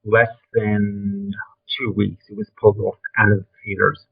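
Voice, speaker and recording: A man's voice: on the low side, little pitch movement, unhurried, creaky, breathy edge. Older Brooklyn man on a phone-like line. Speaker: interview guest, film trailer and design veteran. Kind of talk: conversational career reminiscence. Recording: thin, phone-like call audio.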